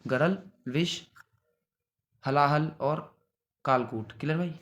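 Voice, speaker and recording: Young male tutor, slightly high-pitched, revising word lists, repetitive and drilling. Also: slow pace, fairly bright tone. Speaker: exam prep teacher. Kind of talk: synonym revision lesson.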